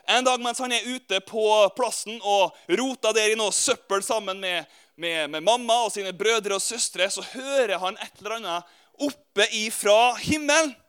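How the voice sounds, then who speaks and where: A male preacher from Norway telling a parable within his sermon and turning to his listeners with questions. His voice is high and bright, with a smooth, clear ring. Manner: lively, speaks directly to listeners. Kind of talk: sermon with storytelling.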